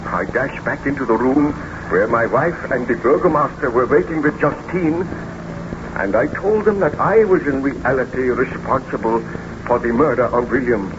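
An actor playing a remorseful, commanding baron in a 1930s radio drama, with formal, theatrical delivery. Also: male voice, medium pitch, normal speed, close to an everyday voice. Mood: grave, troubled. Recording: muffled, noisy 1930s radio recording.

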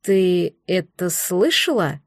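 A woman's voice: medium pitch, sing-song, normal speed, no echo, studio quality. A woman voicing a cautious, skeptical young female student friend. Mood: wary.

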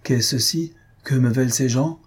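A man's voice: mid-range voice, moderate pace, husky, pitched above the performer's own voice, close to an everyday voice. A man voicing an old feverish missionary. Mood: indignant.

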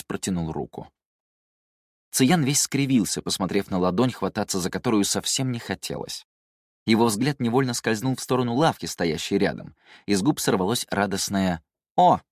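A man narrating a novel in a measured, steady reading voice. His pitch is low and the sound is dry and close to the mic. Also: no room sound. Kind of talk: audiobook narration.

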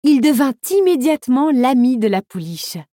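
A woman's voice: high voice, big pitch swings, moderate pace, warm tone, dry recording, clean studio sound. Woman reading a children's storybook. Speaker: narrator.

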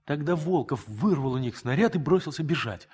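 A man's voice: a little high, lively intonation, a little fast, a little mellow, slightly rough. Man narrating a rueful memory. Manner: reflective, rueful storytelling. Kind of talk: first-person scripted narration in a radio drama.

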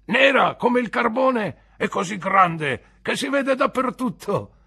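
A woman voicing a simple, warm-hearted older fisherman in a storybook reading, speaking loudly and drawing out his words. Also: deep voice, lively intonation, normal speed, vocal fry, husky, voice pushed up, exaggerated voice. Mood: proud.

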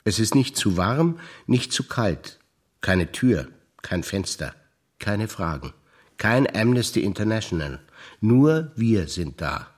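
An older stage actor delivers scripted dialogue in a measured, reflective way, often sinking into hushed, low phrases.

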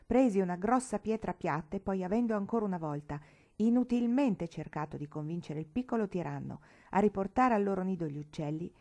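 Low, mellow-voiced woman reading a novel. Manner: measured, expressive storytelling. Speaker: audiobook reader. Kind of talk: first-person literary narration.

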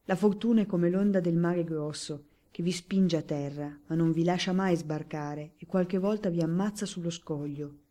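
A woman reading as Filippino, a gruff anxious father. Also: a little high, normal speed, hardly any pauses, dark tone, natural voice. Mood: scolding. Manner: gruff scolding, fatalistic sayings. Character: poor anxious father gambling on lottery.

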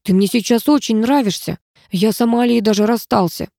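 A woman's voice: a little high, a little fast, vocal fry, dark tone, dry recording, clean studio sound. A woman voicing a blunt young aristocratic male student who speaks frankly. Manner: blunt, plain-spoken confessions.

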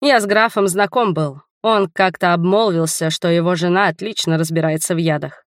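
Sly laid-back young man, teasing, unhurried, slightly low, dry close sound, read by a woman. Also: steady tone, no room sound, lightly acted.

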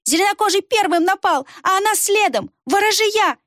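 Spiteful village girl, voiced by a woman reader: high, shrill, accusing. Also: lively intonation, moderate pace, fairly bright tone, no room sound, clean studio sound.

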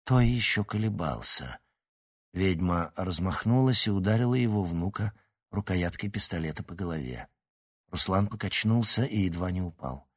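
Low-voiced male audiobook narrator. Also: expressive, normal speed, husky. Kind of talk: scripted narration.

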